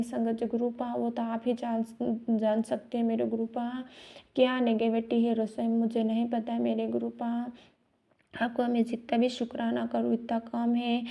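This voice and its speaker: A middle-aged woman giving a halting devotional testimony of thanks, with many restarts and fillers. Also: fairly high pitch, creaky, dull audio.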